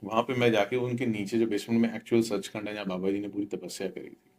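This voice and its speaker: A man's voice: fairly low pitch, flat delivery, quick pace, a little mellow. A middle-aged man, earnestly telling a devotional story and mixing in English words. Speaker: devotee sharing his experience. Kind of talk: spoken devotional testimony.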